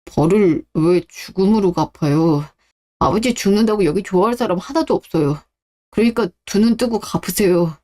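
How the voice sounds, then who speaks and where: A man's voice: high-pitched, normal speed, warm tone, lightly acted. A performer voicing a young adult son in a radio drama, who speaks firmly and earnestly to his father. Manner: firm, earnest. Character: grown son, firm but forgiving.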